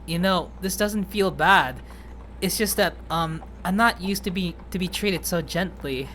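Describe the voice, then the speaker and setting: A woman's voice: lowish voice, fairly bright tone, slight background noise. Woman doing a shy, timid young yokai boy. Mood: hesitant. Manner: shy, hesitant, halting. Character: timid, gentle young male yokai, petite.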